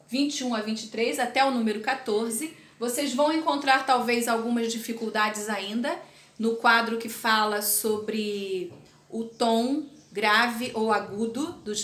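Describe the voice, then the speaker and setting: A woman's voice: a little high, fairly bright tone, echoey room. A woman teaching a recorded literature class, explaining terms step by step and checking in with her students. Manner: explanatory, checks in with tag questions.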